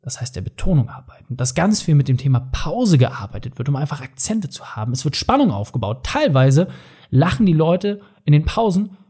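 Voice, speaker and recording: Emphatic German coach with a husky voice. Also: male voice, a little high, big pitch swings, brisk, dark tone. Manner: direct, addresses listener informally, emphatic. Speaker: entrepreneur coaching on speaking. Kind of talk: motivational coaching talk.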